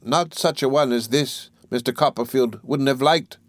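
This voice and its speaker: A man's voice: mid-range voice, moderate pace, dry recording, voice pushed up, natural voice. A man voicing a stubborn, emphatic middle-aged female servant. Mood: insistent. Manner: insistent and emphatic.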